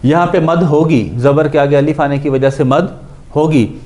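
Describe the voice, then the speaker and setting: A man's voice: a little high, steady tone, warm tone. Patient man drilling grammar forms. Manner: patient, repeats words while drilling verb forms; mixes English words into his teaching. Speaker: Quran and Arabic grammar teacher. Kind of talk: explanatory lesson.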